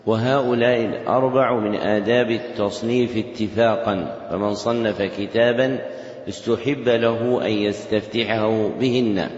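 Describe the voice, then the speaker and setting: A man teaching a religious text in a lesson, speaking slowly and repeating phrases so students can write them down. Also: on the low side, fairly even intonation, reverberant, big-room sound. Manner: slow, repeats phrases for dictation. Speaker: Islamic scholar teaching a hadith text. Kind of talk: classroom lesson explaining a text.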